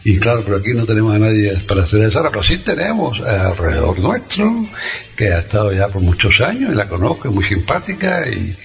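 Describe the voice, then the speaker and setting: A man chatting casually as a radio co-host, hesitating and repeating phrases as he goes. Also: fairly low pitch. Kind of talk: casual unscripted chat. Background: music.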